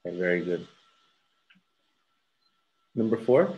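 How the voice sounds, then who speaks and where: A man's voice: low-pitched, very animated, takes it slowly, dull audio. A man tutoring a student one-on-one for a grammar exam, patiently repeating words to correct pronunciation. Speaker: English tutor. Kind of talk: one-on-one TOEFL grammar lesson.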